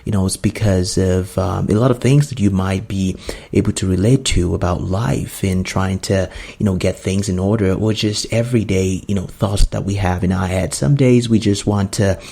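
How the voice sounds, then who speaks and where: Man, late twenties, gravelly voice, podcast host, earnest, rambling. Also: low voice, fairly even intonation, normal speed, warm tone. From Nigeria. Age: 20s. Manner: earnest, rambling with many fillers. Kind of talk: solo podcast monologue.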